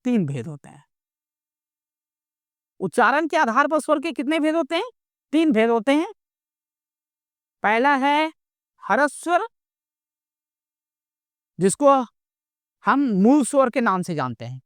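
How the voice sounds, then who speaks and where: A woman teacher from India leads a grammar lesson at an unhurried pace. She keeps asking questions and answering them herself, repeating points so they stick. Her voice is high and lively, and the recording is dry and close. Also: no echo.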